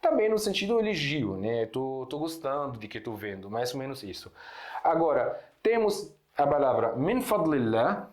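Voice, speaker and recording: A man's voice: mid-range voice, very animated, normal speed, a little mellow. A man from Syria, a native Arabic speaker, teaching an Arabic lesson in casual Portuguese, with many fillers and restarts as he explains. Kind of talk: casual online language lesson. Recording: echoey room.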